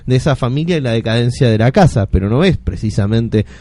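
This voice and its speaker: Argentine man, Rioplatense accent, talking literature on radio; easygoing, rambling, mid-pitched, dry close mic. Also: fast, no room sound. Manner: relaxed, rambling with fillers and restarts. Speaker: literature columnist. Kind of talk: casual radio commentary.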